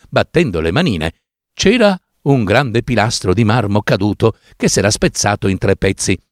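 A man reading a fairy tale aloud as narrator, expressive and drawn out. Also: on the low side, no echo, clean studio sound. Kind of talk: storybook reading.

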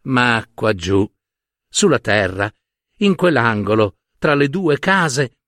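A man's voice: medium pitch, very animated, slow, fairly bright tone, no room sound, clean studio sound. A man narrating a fairy tale in a dramatic, lingering way, stretching and emphasizing words. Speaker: storyteller and podcast host. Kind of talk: expressive storybook narration.

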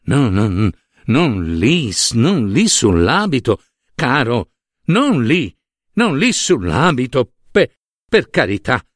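A man's voice: mid-range voice, very animated, slow pace, no room sound. A man voicing a sanctimonious, greedy old monsignor who fusses, preaches and wheedles. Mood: squeamish. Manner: fussy, wheedling, preachy, with soft asides. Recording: dry close studio sound.

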